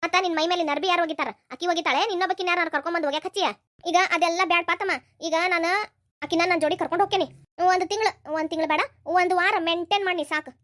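A stern old cartoon grandmother scolds her family bluntly in a North Karnataka Kannada accent, with a woman putting her on. The voice sits very high and moves quickly. It is recorded dry and close, with no room sound. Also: fairly even intonation, a bit bright, no room sound. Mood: commanding. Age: older. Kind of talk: cartoon voice acting.

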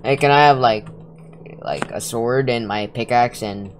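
Very low-voiced excitable woman gamer. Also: measured pace, a little hiss or hum. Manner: excitable, says "dude" and "like" constantly, laughs often. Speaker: gamer playing with a friend. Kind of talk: casual gaming commentary.

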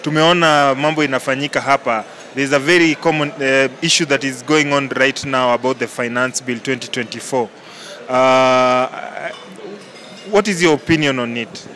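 A man's voice: mid-range voice, steady tone, normal speed, pushed and bright. A man with a Kenyan accent asking interview questions as a reporter, with hesitant, searching phrasing. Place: large indoor event hall. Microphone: handheld microphone. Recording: clear background noise of busy hall.

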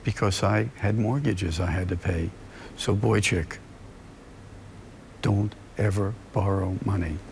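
A man's voice: low voice, takes it slowly, gravelly, long pauses, a little hiss or hum, exaggerated voice. A man voicing his elderly immigrant grandfather, who has an Eastern European accent and gives solemn advice.

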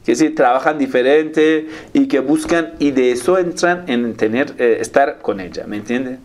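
A man's voice: mid-range voice, normal speed, a little mellow. A man giving a religious talk as a preacher, often asking listeners if they follow him. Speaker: Islamic preacher.

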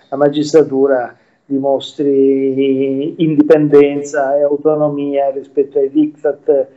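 A man giving his views as a guest in a remote interview, speaking haltingly with many fillers and repeated words. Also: fairly high pitch, warm tone, highs cut off.

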